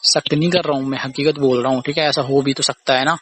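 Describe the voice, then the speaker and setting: In a casual argumentative phone conversation, a young man who is the boyfriend or husband keeps accusing and repeating his grievances. His mid-range voice is a bit bright, fast, and fairly even in intonation, with a little hiss or hum present.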